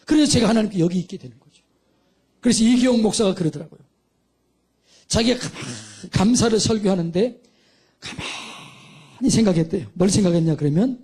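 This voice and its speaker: A middle-aged male pastor preaches a fervent sermon in a church sanctuary, calling for amens and acting out little dialogues. His voice is high, husky and darkish in tone.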